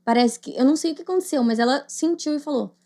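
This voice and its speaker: A woman's voice: high-pitched, quick pace, warm tone. Young Brazilian woman, emotional storyteller. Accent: Brazilian Portuguese. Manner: emotional storyteller, acts out quoted voices. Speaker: podcast co-host. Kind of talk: casual chat, personal storytelling.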